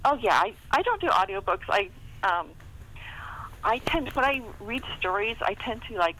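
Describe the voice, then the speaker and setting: Here the guest author, a middle-aged American woman, speaks at a moderate pace with lively intonation and a bright, forceful tone in a mid-range voice. She's chatty and self-deprecating, laughing lightly, in a casual interview captured on a low-quality recording.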